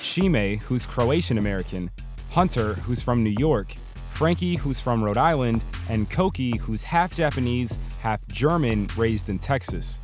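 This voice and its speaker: A male reporter with a voice pitched at an everyday middle register. He narrates a documentary in a clear, scripted delivery. In the scenes on location he asks questions in an upbeat, friendly way. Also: animated, unhurried, faint music behind. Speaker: host and reporter.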